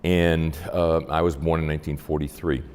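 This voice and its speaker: An elderly man shares oral history in an exceptionally deep voice. He speaks in measured, halting phrases with frequent pauses. The recording carries a long, hall-like reverb. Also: little pitch movement, darkish tone, a little hiss or hum. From Massachusetts, United States. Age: 70s or older. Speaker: interviewee.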